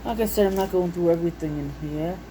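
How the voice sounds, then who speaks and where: A fast-talking woman with a fairly low voice chats over a noisy background at home. As a vlogger showing a recipe book, she reads recipes out casually and without a script, musing to herself in a homey, folksy way.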